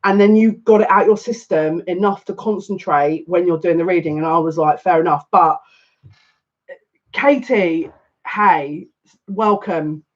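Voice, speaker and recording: Man in his thirties, high voice, excitable rambling live chat, dull lo-fi sound. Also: a little slow. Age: 30s. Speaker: psychic reader. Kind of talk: casual live-stream chat. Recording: dull lo-fi stream audio.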